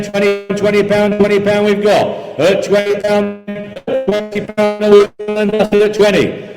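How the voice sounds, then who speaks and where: Bloke auctioneering, highish voice on one note, rattling through bids over and over, big echoey room. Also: male voice. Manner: repetitive chanting of bids and figures. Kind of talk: live auction calling. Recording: echoey hall sound with music behind.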